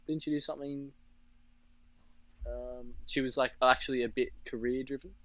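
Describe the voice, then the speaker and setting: A young Englishman in casual podcast banter, delivering dry, deadpan quips. His voice is bright and forward at an average pitch. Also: normal speed. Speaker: podcast co-host. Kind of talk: casual chat.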